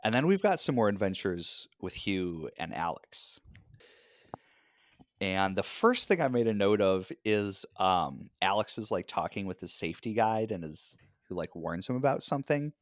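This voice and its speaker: A man co-hosting a podcast, chatting casually with a joking, animated manner. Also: on the low side, moderate pace, dry recording. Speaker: podcast co-host. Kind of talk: casual chat.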